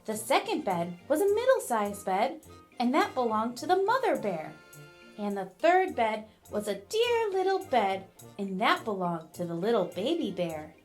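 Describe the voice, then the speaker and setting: A woman narrating a children's fairy tale from a script, with expressive storybook emphasis. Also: on the high side, measured pace, faint music behind.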